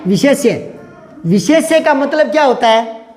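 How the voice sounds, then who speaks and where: A man's voice: very high-pitched, lively intonation, unhurried, a little mellow, a little hiss or hum. A male teacher giving a grammar lesson to a class. He patiently drills words again and again, calls the pupils "beta" and keeps asking them questions.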